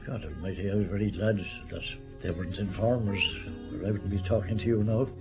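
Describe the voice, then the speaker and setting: A man's voice: lowish voice, fairly even intonation, fairly quick, over loud music. An older man recounting a wartime anecdote in an oral history, in a dull archive radio recording.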